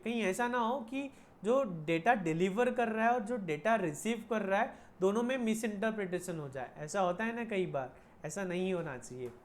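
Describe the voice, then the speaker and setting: A woman's voice: medium pitch, darkish tone. A woman teaching an online commerce lesson, mixing Hindi with Indian-accented English and repeating key points. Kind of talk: online lecture.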